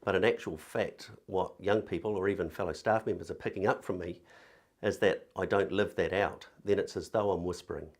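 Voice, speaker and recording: A man's voice: low-pitched, fairly even intonation, fairly quick. A man with a New Zealand accent, a religious education director giving an earnest, thoughtful talk to camera, with occasional fillers and repeated words.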